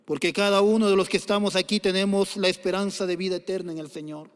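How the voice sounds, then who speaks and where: A man's voice: high-pitched, steady tone, fast talker. A middle-aged man preaching a sermon as pastor, telling personal stories earnestly and building up to exhortations. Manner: earnest storytelling with rising exhortations. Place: large church hall. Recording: echoey church hall.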